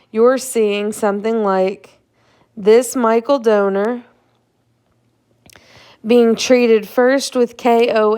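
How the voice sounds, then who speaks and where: A woman's voice: fairly high pitch, a little mellow, clean tone. A young woman who is a chemistry instructor, giving a casual recorded lecture over slides, a bit tired and yawning, with fillers and checks like "right?".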